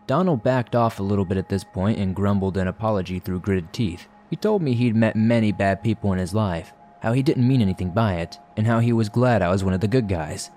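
Lowish mellow male story narrator. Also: brisk, hardly any pauses, soft background music. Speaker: podcast narrator. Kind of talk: scripted horror story narration.

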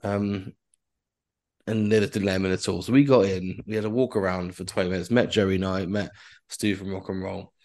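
A man's voice: low-pitched, fairly even intonation, normal speed, a little mellow. A man telling a rambling story in casual podcast chat, full of fillers and swearing. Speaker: podcast co-host.

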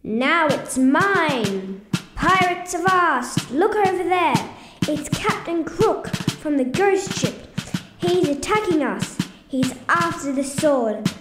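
A man voicing a tiny, excitable creature who plays pirate captain and barks orders. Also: very high voice, slow pace, roomy sound, over music, voice pushed up, full character voice. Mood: commanding. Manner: bossy, shouting orders.

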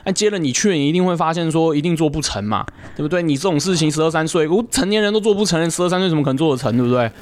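A man gives casual, persuasive advice on a podcast and keeps asking his listener to agree. He talks quickly, rattling through his points. His voice sits a little high for a man. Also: expressive. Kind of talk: casual chat, giving advice.

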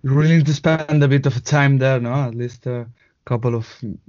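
A man's voice: mid-range voice, fairly even intonation, darkish tone. Spanish man on a muffled call. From Spain. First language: Catalan. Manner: halting, restarts often, tag questions. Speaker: guest. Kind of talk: casual interview chat. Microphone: video call.

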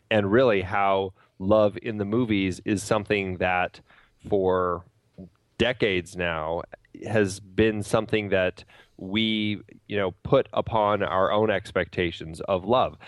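A man's voice: deep voice, steady tone, unhurried, no echo, studio quality. A middle-aged man co-hosting a podcast, reflecting on film and love in a thoughtful way. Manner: thoughtful and reflective, laughs easily. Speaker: podcast co-host. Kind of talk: casual film discussion.

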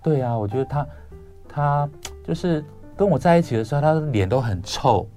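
A man's voice: a little high, animated, a little fast, dark tone, faint music behind, pitched above the performer's own voice, lightly acted. A man voicing a worried, complaining older mother as he retells a counseling story. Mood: fretful. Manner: fretful, complaining.

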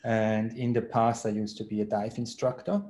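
A man, a podcast guest telling his story in a measured way over a video call. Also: on the low side, flat delivery, darkish tone. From Switzerland. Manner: measured, unhurried storytelling with hesitant fillers. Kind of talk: casual interview chat.

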